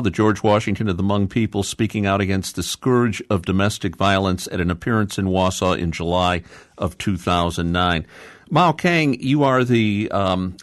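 A man hosting a public affairs interview, introducing topics and putting questions to guests. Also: lowish voice. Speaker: host.

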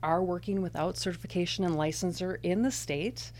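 A woman giving a live interpreter voice, speaking aloud for deaf speakers in the first person. Her voice sits a little low, and her delivery is measured and deliberate, with some rephrasing. A faint hum runs under her voice. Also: steady tone, darkish tone. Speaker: sign language interpreter.

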